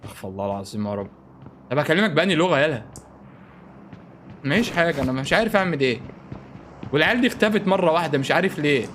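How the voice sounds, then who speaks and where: A young man with an Egyptian Arabic accent gives live commentary on a mobile shooter game. He sounds excitable and panicky and keeps pleading with his teammates for help. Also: high-pitched, slight background noise. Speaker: gaming streamer.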